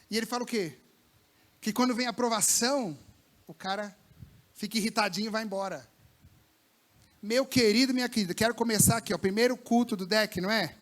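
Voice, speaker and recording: A man preaching a lively sermon to young people in a church service, colloquial and slangy, swinging between loud bursts and hushed lines. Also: high-pitched. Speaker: pastor. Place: church service with a live congregation.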